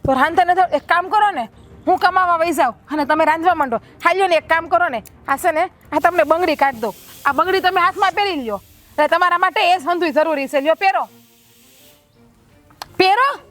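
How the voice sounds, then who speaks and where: A sharp-tongued scolding wife. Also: female voice, extremely high pitch, a little fast. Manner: taunting, scolding, mocking her husband. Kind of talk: village family drama.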